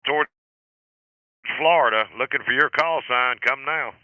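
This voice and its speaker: A man from the southern United States hosts a ham radio net, chatting casually on air and calling out call signs with an easy chuckle. His mid-range voice moves at a moderate pace through a station microphone, with muffled audio and a noisy background.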